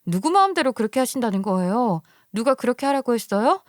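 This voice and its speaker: A woman's voice: a little high, big pitch swings, fast, dry recording. Woman playing an indignant grieving daughter-in-law. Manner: shocked, protesting, emphatic questions. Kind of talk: storybook radio drama.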